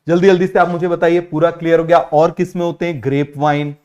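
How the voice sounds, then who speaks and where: Guy teaching plant biology online, fairly high voice, keeps repeating stuff and asking for quick answers. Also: little pitch movement, a little mellow, muffled recording. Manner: drills terms by repeating them slowly.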